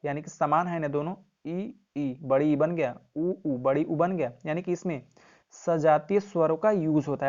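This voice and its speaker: A man's voice: fairly high pitch, a little mellow, lo-fi sound. Man teaching an exam revision lesson. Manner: repeats key points and quizzes the viewer.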